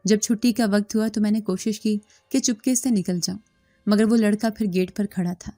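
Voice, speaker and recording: Mellow-voiced woman narrating a horror story. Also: mid-range voice, steady tone, normal speed, dry recording. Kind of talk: scripted first-person horror story narration.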